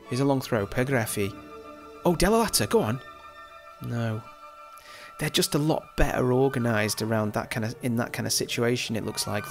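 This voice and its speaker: A man giving chatty, excitable let's-play commentary over a football management game, reacting loudly to the match. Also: medium pitch, vocal fry. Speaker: gaming YouTuber.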